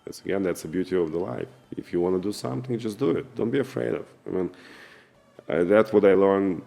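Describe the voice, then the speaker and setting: A man in his forties with a Russian accent, telling his own story to camera in an earnest, halting way with many fillers and restarts. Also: deep voice, vocal fry, dark tone, soft background music. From former Soviet Union. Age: 40s. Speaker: vlogger and businessman. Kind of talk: casual personal storytelling to camera.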